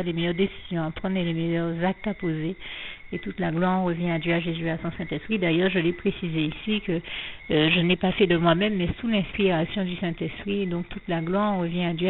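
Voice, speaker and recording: Over a tinny, phone-like line carrying faint noise, a low-voiced woman offers an anonymous spoken testimony of her faith. She goes slowly, with a slight frog in her throat, and keeps hesitating, using fillers and starting over.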